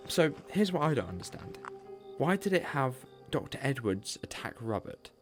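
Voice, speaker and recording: A man playing the Doctor, an eccentric alien time traveler in an audio drama who talks quickly and theatrically and loves a grand explanation. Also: medium pitch, sing-song, soft background music. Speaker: lead character. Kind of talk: fan audio drama acting.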